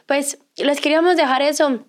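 A woman's voice: sits high, fairly even intonation, normal speed. Conversational woman pastor. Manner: warm conversational, many fillers and restarts. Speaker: pastor and podcast co-host.

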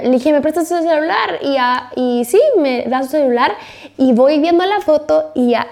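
A young woman with a fairly high voice tells a story in a relaxed, chatty way. She slips into the voices of the people she quotes, and her pitch and pace keep shifting as she talks. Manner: animated, acts out quoted dialogue. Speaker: co-host of a couples' faith talk. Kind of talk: casual storytelling.

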